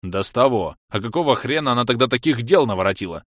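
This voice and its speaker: A man's voice: medium pitch, animated, fast talker, a bit bright, no room sound, studio quality, lightly acted. Man voicing a brash slangy buddy. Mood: rowdy. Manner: blunt slangy talk.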